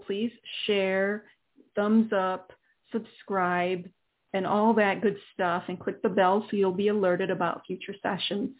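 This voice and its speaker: A woman leading a guided healing meditation in a soothing, deliberate way, with pauses between phrases. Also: medium pitch, husky. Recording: narrow phone-like band, muffled.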